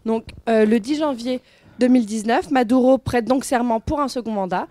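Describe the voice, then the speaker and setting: A young woman presenting on student radio, reading an explanatory segment in a steady, informative way. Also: fairly high pitch, normal speed, no echo.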